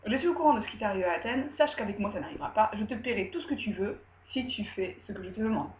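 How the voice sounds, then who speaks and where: A woman's voice: mid-range voice, lively intonation, rapid-fire, slight background noise, lightly acted. Worried male tyrant, as a woman puts him on, chatty and informal, echoey muffled room. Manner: casual and chatty. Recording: roomy, dull recording.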